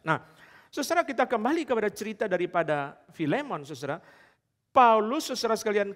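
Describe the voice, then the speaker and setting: A man's voice: high voice, fairly bright tone. A male pastor preaching a sermon, emphatic and repeatedly addressing the congregation. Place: large church hall. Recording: long church hall reverb.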